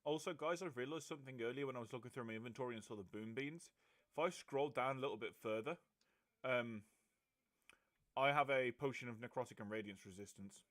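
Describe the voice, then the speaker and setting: A man's voice: mid-range voice, a little fast, a bit bright, dry recording. A man playing a tabletop game, chatting casually in a rambling, apologetic way. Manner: rambling, apologetic, laughs often. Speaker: tabletop player.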